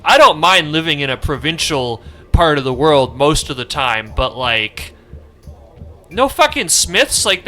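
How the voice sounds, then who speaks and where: Playing a game on stream, this man keeps up a casual, wry, self-mocking commentary full of half-mumbled asides. He's not from Maine, and his slightly high voice sounds pushed and bright.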